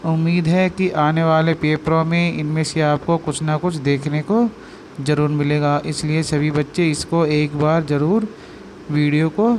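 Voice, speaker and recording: Man, children's language teacher, slow repeated words, screen-recorded voice-over, faint background noise. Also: fairly high pitch, fairly even intonation, a little mellow. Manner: repeats each word slowly with call-and-response questions. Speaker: Sanskrit teacher. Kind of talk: teaching lesson to children over picture slides.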